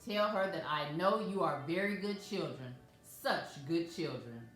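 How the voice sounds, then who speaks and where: A woman voicing a kind old male hat-shop owner in a storybook reading, speaking softly and thoughtfully. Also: lowish voice, lively intonation, a little slow. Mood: tender. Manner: soft, thoughtful. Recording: very echoey room, faint music.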